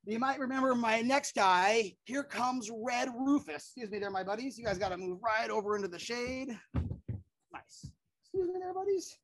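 An enthusiastic middle-aged woman hosts a casual reptile show outdoors, her voice sitting a little high. She chats freely with surfer-style slang while handling the animals. The sound is dry and close, with little room around it. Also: normal speed, few pauses, dry recording. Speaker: animal presenter. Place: outdoors in a yard.

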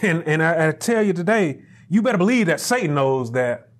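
A middle-aged man preaching a sermon at a pulpit in a small chapel, building to shouted emphasis and repeating his phrases. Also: a little high, sing-song, brisk. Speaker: pastor. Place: small chapel room indoors, standing at a pulpit. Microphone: lapel mic.

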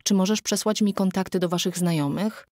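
A woman's voice: lowish voice, a little fast, mellow, dry recording, clean studio sound, lightly acted. A woman narrating an audiobook, voicing a worried, defensive young husband in clipped, urgent lines. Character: young adult man, anxious, defensive husband.

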